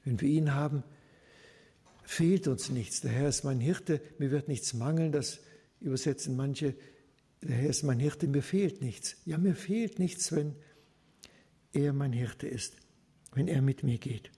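Husky preacher in a reverberant church. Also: male voice, medium pitch, warm tone. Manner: earnest, measured preaching with repeated phrases and occasional fillers. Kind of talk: sermon.

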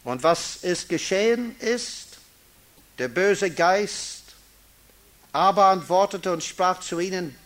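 Slow, high-voiced preacher, man. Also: a bit bright. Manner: slow, emphatic preaching with stressed key words; non-native German with small grammar slips. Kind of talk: sermon reading and explaining scripture.

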